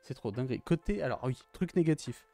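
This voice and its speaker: Excitable slangy young man gushing. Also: medium pitch, a little fast, soft background music. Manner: gushing, slangy, repeats exclamations. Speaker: YouTuber reviewing films. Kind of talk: excited casual review.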